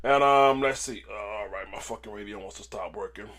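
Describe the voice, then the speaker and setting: On his sports fan channel, a man gives a casual game recap with a raspy, hoarse, fairly low voice, a little fast and a bit bright. Frequent throat clearing breaks up his hyped call-and-response.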